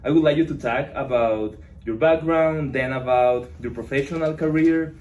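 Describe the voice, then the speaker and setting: A man's voice: mid-range voice, moderate pace, a little mellow. Young man hosting an interview. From Mexico. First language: Spanish. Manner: eager, restarts his sentences. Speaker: podcast host. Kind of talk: casual interview. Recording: roomy echo, distant mic.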